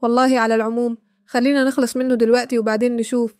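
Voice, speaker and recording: A jealous, furious young lover in Egyptian Arabic, voiced by a woman storyteller in her own voice. The lines come fast and flat, pitched somewhat high. The sound is close and dry. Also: clean tone, no echo, lightly acted. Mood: angry.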